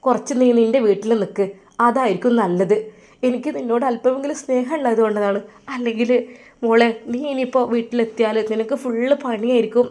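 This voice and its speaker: A woman's voice: on the high side, fairly quick, a little mellow, natural voice. Woman as a caring, insistent elder sister. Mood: concerned.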